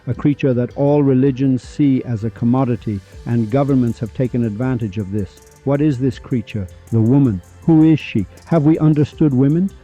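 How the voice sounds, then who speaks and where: Very dark-voiced man hosting a podcast. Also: mid-range voice, normal speed, hardly any pauses, faint music behind. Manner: rhetorical, preachy, repeats for effect. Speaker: podcast host. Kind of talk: monologue podcast with dramatic storytelling. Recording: slightly dull lo-fi recording.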